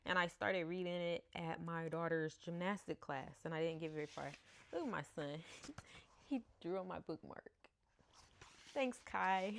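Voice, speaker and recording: A woman in her thirties from the United States, a book vlogger chatting casually at home into a camera mic, laughing often and stumbling over names. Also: fairly low pitch. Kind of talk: casual chat.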